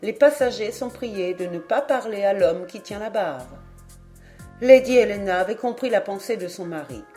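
Mellow-voiced woman reading a novel. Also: medium pitch, animated, normal speed, faint music behind. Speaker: audiobook reader. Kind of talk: literary narration.

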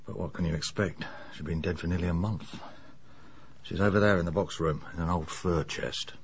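An actor playing a middle-aged English police inspector, dry, sardonic and matter-of-fact in a radio drama. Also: male voice, sits low, fairly even intonation, moderate pace, a little hiss or hum. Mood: grimly matter-of-fact.

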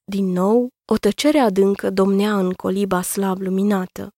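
Calm woman reading a children's story. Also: medium pitch, no echo, clean studio sound. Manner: calm, measured reading aloud. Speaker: narrator. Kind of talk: scripted narration of a children's story.

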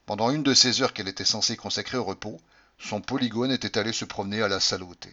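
A man giving a measured, expressive audiobook reading of a classic novel. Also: lowish voice, dull audio. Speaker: audiobook narrator. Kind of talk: literary audiobook narration.

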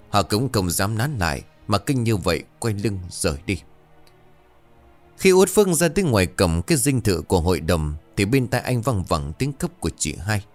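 A man narrating a ghost story in a dramatic, measured way. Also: on the low side.

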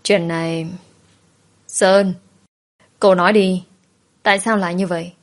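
A gentle middle-aged lady with a husky voice, read by a woman. She asks things slowly and a bit unsure, in a storybook reading. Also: fairly low pitch, steady tone, close to an everyday voice. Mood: anxious.

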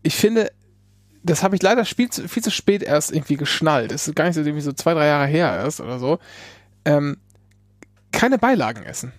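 Halting, higher-voiced man chatting. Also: animated, no room sound, studio quality. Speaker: podcast co-host. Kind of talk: casual chat.

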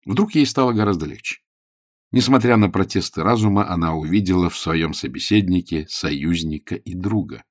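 A man narrating a novel aloud in a wry, measured storytelling manner. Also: low-pitched, no echo, clean studio sound. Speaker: audiobook narrator. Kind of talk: scripted narration.

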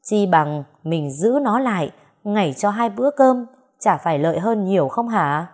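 A woman's voice: mid-range voice, animated, normal speed, a little mellow, lightly acted. A woman voicing a lecherous middle-aged man who wheedles and makes excuses. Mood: wheedling.

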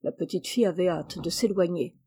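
A woman narrating a classic novel aloud as an audiobook in a measured, gentle storytelling manner. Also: fairly low pitch, husky.

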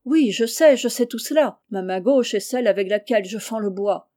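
A simple, earnest old servant calls down answers and plaintive protests, as a woman reading the story voices him. Her voice is slightly higher than her narration and soft in tone. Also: normal speed, natural voice.

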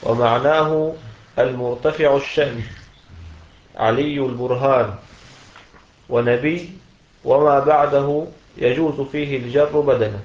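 A man reading a commentary aloud in a lesson, steady and measured, pausing at each phrase. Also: mid-range voice. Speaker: student reader. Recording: dull echoey lo-fi recording.

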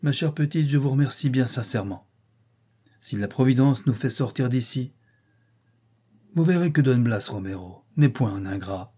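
A man's voice: mid-range voice, animated, normal speed, mellow, breathy edge. Old aristocrat in an audiobook, lofty and quavering, a man doing him. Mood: stiff. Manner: haughty, quavering. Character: proud weakened old nobleman, cold.

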